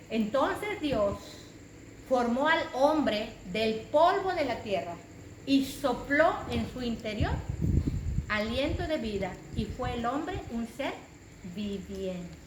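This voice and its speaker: A woman preacher, giving an emphatic sermon and repeating phrases for stress. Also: on the high side. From Mexico. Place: church hall. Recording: echoey church room with background noise.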